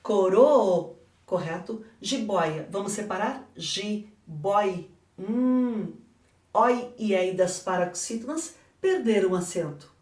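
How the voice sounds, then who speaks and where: A woman's voice: medium pitch, expressive, slow, a little mellow. A woman teacher with a Brazilian Portuguese accent, correcting an exam in a didactic way and asking and answering her own questions. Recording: echoey room, voice from a distance.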